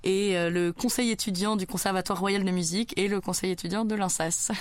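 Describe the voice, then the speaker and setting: A woman's voice: mid-range voice, steady tone, brisk, no echo. A woman, answering as a festival organizer in a radio interview, hesitant with many fillers. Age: 20s.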